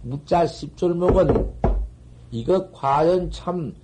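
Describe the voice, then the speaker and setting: An older man giving a Buddhist dharma lecture on koans, scolding and animated, swinging from loud outbursts to murmurs, on an old 1970s tape. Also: a little high, slow, background noise. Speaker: Zen master giving a dharma talk.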